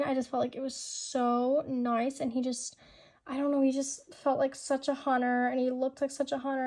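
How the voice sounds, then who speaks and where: A woman's voice: high voice, vocal fry, a little mellow. A young woman casually narrating a voiceover of her horse show rounds, chatty and filler-heavy, saying "like" constantly. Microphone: home-recorded voiceover.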